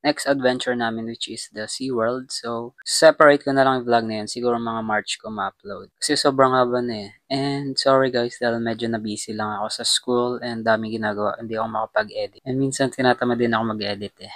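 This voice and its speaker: A young man talking casually in a travel vlog, mixing English and Filipino in a relaxed way. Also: mid-range voice, brisk, dry recording. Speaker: vlogger.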